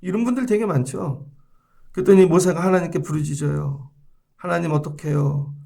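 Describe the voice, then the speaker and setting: A middle-aged male pastor preaching a dawn sermon in a church, lively and animated, swinging between loud emphatic phrases and hushed asides, sometimes acting out quoted voices. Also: fairly high pitch, normal speed, creaky. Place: church sanctuary.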